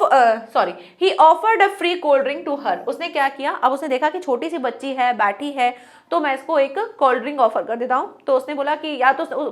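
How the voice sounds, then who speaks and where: High-voiced woman teacher explaining in Hinglish. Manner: explains in Hindi mixed with English words, asking herself rhetorical questions; acts out little exchanges of dialogue to make points. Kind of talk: Hindi-medium English lesson explanation.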